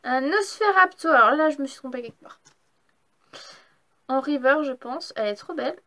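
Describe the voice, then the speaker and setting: A woman's voice: sits high, animated, moderate pace, bright, forceful tone. A young woman chatting casually as she opens trading card packs, enthusiastic and gushing over each card. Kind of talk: casual unboxing vlog.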